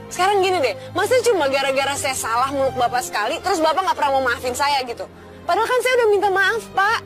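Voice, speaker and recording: An actress playing a cheeky, outspoken young working-class woman in a TV drama, blunt and chatty. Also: extremely high pitch. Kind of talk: TV film drama acting.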